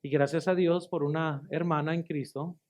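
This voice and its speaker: A male pastor preaches a testimony sermon, with a voice pitched a little above the usual man's. He tells his story with emphasis, calls his listeners brothers, and doubles back on phrases to stress them. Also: fairly even intonation, normal speed, a little mellow. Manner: repeats and restarts phrases for emphasis.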